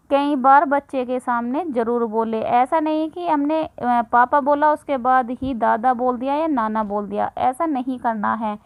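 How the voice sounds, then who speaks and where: A woman in her thirties, a mother giving parenting tips in a casual instructional talk, conversational, with frequent filler pauses. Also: sits high, no room sound, poor audio.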